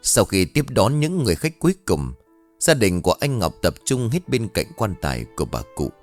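A man narrating a ghost story in a dramatic, expressive storytelling style. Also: lowish voice, fairly quick, dry recording, faint music behind.

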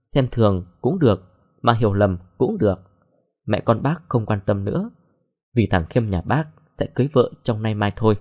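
A man's voice: medium pitch, animated, normal speed, darkish tone. A man voicing a curt, dismissive older mother in an audio story. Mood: cold.

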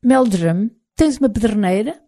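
A woman with a European Portuguese accent voicing a calm, commanding Highland man who leads a band of smugglers, in an audiobook. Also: a little slow. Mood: calm, wry. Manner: quiet, even-tempered, lightly wry. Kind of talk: audiobook character voice.

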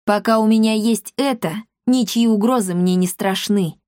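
A woman voicing an excitable, boastful young boy in a storybook reading. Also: mid-range voice, normal speed, no room sound, clean studio sound, lightly acted. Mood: eager.

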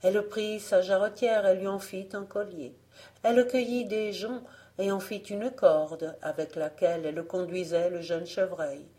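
Woman reading a fairy tale, mellow and low. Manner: calm, even storytelling. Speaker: audiobook reader. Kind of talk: scripted narration.

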